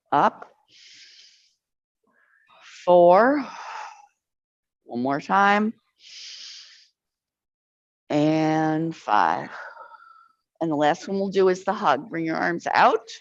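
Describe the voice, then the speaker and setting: A woman with a slightly low voice leads an arthritis exercise class, counting every rep aloud and cheering everyone on. The recording is dull and lo-fi, dry and close, with no room sound.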